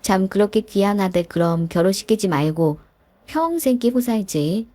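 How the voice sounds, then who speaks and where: A woman's voice: medium pitch, expressive, normal speed, warm tone, dry recording. A woman narrating her own story in a weary, complaining way.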